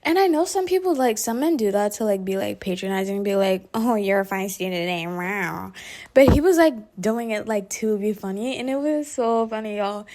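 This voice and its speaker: A young adult woman telling a story to her viewers in a casual, animated vlog, laughing often and filling her speech with "like". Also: fairly high pitch, brisk, hardly any pauses. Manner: animated, chatty, laughs often, heavy use of "like". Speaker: vlogger.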